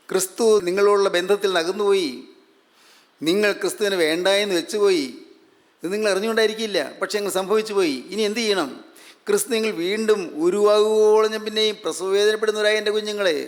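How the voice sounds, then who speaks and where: High-pitched man preaching, lots of repeating and questions, long hall echo. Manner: repetitive, emphatic preaching with rhetorical questions. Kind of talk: sermon.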